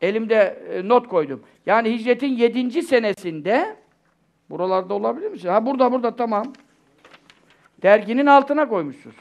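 A man's voice: extremely high pitch, expressive, fairly quick, vocal fry. An older man preaching in an informal, rambling religious lecture, talking conversationally with rhetorical questions and asides to his listeners.

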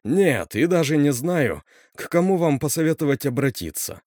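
A man's voice: on the high side, very animated, moderate pace, dry recording, clean studio sound, voice pushed up. A man voicing a stern, grim male teacher who talks bluntly and scolds, in a read-aloud horror story. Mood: angry. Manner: blunt, scolding, snaps loudly.

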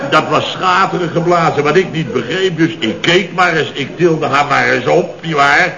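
A creaky male voice at normal speed, with a crowd in the background, plays a blustering, higher-voiced contractor boss with a Netherlands Dutch accent. Put-upon and exasperated, he tells long-winded, indignant stories of mishaps with heavy emphasis. This is 1970s radio comedy acting on a dull old radio recording.

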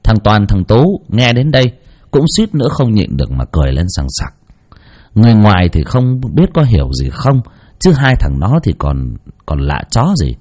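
A man narrates a spooky folk story with expressive delivery and mocking asides. His voice is husky and mellow, and it swings dramatically in pitch from line to line. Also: normal speed.

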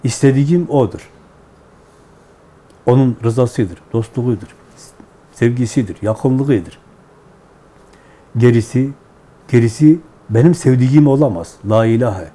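A man, a Sufi spiritual teacher, giving devotional teaching in measured, repetitive, chant-like phrases. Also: mid-range voice, warm tone.

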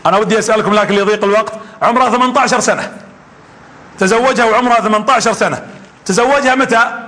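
A man's voice: sits high, pushed and bright. A man preaching a sermon, telling stories with animation and quizzing his audience.

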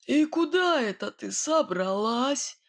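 Woman playing a boastful gruff robber. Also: fairly high pitch, a little slow, a little mellow, no room sound. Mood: menacing. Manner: blustering, then grim and menacing. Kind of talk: audiobook character voice.

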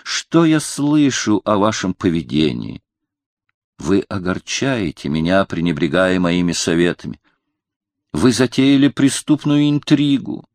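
A man's voice: deep voice, sing-song, measured pace, dry recording, studio quality, full character voice. A man voicing a tearful, pompous young king who scolds a courtier. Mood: reproachful.

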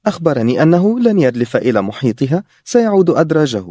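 A man narrating a novel as an audiobook in a steady, even storytelling voice. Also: fairly high pitch, fast, no echo, studio quality.

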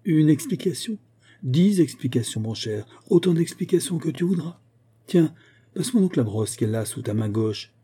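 A man's voice: a little high, expressive, normal speed, mellow, slightly rough, voice pushed up. A man voicing a breezy, teasing young officer. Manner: breezy, chatty, mocking.

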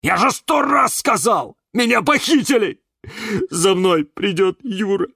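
A man voicing a frantic young male cactus who shouts and wails for help in a storybook. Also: mid-range voice, normal speed, creaky, dry recording, studio quality, far from the mic, voice pushed up. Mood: frantic shouting.

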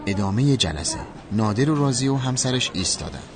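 A man's voice: medium pitch, animated, noisy background. A man narrating audio description for a film in a plain, matter-of-fact way.

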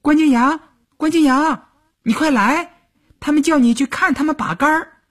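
A man voicing a cheerful teenage girl soldier who is quick to cry, in a high, pouting, tearful voice for an audiobook. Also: fairly bright tone. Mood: eager. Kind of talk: audiobook character voice.

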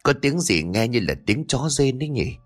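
A man's voice: mid-range voice, big pitch swings, moderate pace, faint music behind. A man doing a fearful old village wife. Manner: anxious, trembling.

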